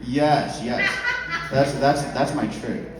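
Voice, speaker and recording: A man's voice: medium pitch, steady tone, takes it slowly. A man performing rambling, informal stand-up with crowd work, swearing freely and breaking into giggly laughter. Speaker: stand-up comedian. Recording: very echoey club, distant mic, audience noise.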